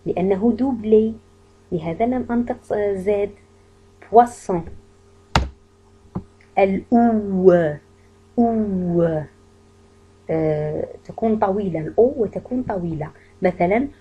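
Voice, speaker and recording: A woman's voice: medium pitch, slightly rough, narrow, tinny audio. Patient woman teaching French sounds. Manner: patient, repeats each word slowly for learners. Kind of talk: language lesson explaining French pronunciation.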